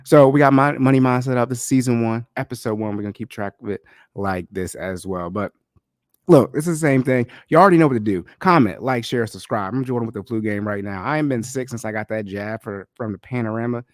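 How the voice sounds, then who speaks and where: Through a podcast microphone, a man with a mid-range voice hosts a casual solo podcast, talking fairly quickly in a loose, chatty, slangy way. He's a little congested and nasal from a cold, and the recording is dry and of studio quality.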